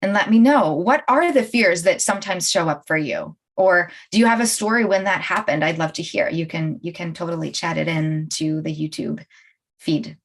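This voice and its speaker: A woman's voice: lowish voice, moderate pace. A woman life coach hosting a live-streamed talk, chatting directly to her viewers and laughing often as she speaks. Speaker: life coach and show host.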